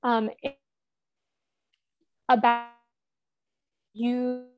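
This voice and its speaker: A woman speaking as a panelist on a video call whose audio keeps dropping out, leaving her words halting and cut off. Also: on the high side, level tone, muffled recording, faint music behind. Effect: call dropping out, audio breaking up. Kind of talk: online panel presentation.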